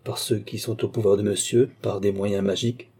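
A man's voice: lowish voice, little pitch movement, normal speed, mellow, slightly rough. A man voicing a haughty, lofty older cardinal in a classic novel reading.

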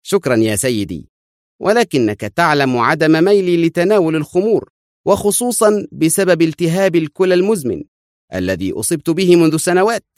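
A polite, measured undercover spy, as a man puts him on, his voice lifted well above the narrator's own and lively in its rise and fall. Each reply comes out smooth and deflecting. The recording is dry and close. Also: on the high side, no room sound, pitched above the performer's own voice, close to an everyday voice. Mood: polite refusal. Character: Egyptian spy posing as Israeli secretary, calm man.

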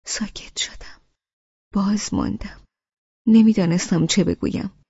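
Soft, husky woman narrating an audiobook. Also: medium pitch, fairly even intonation, dry recording, in a whisper. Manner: soft, hushed, breathy reading. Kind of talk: scripted first-person narration. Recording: dull, dry studio audiobook.

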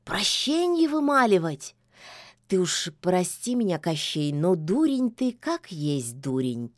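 Sly storybook cat, knowing and chiding, lively voice, as a woman reading puts him on. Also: lowish voice, takes it slowly, dry recording, studio quality, heavily acted. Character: wise sly talking male cat, chiding adviser. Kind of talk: fairy-tale audiobook voicing.

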